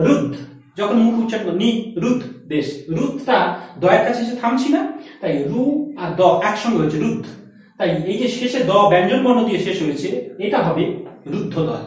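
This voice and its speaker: A high-voiced, animated male teacher walks students through a lesson step by step, asking questions and answering them himself. He sounds far from the mic, in a very echoey room. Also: brisk. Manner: explains step by step, asks and answers own questions. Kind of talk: classroom lecture.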